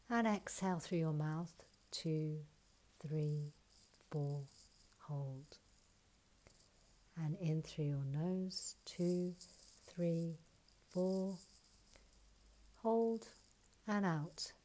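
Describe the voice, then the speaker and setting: A woman with a low, mellow voice leads a guided breathing exercise. She speaks slowly and softly, counting breaths and slipping at times into a near whisper. Her instructions are steady and unhurried. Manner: slow soothing counting instructions.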